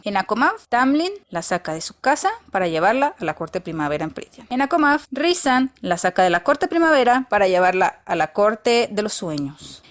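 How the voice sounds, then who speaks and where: A woman giving a casual, opinionated book review, blunt and emphatic, with dry sarcastic asides. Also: medium pitch.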